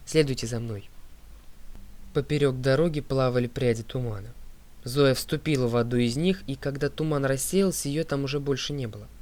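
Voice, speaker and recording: A man reading an audiobook as narrator, in a steady, clear voice that drops low on speaker tags. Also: a little fast. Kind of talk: scripted narration.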